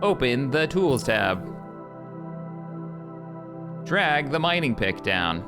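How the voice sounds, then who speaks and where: A man commentating his own gameplay for a live stream, his pitch bouncing around a lot as he reacts. He reads tutorial prompts out loud and chats with viewers, with game music playing clearly behind him. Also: very animated, slow.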